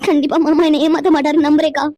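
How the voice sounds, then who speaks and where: A woman's voice: sits high, level tone, racing, warm tone, highs cut off, natural voice. A woman voicing a worried young woman in a cartoon, talking anxiously about her sister's troubles. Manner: anxious, pleading. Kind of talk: Tamil cartoon voice acting.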